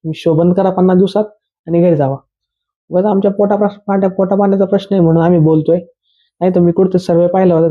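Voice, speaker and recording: A man's voice: sits high, phone-quality sound. A man giving a blunt, slangy, exasperated casual rant reviewing a reality show episode.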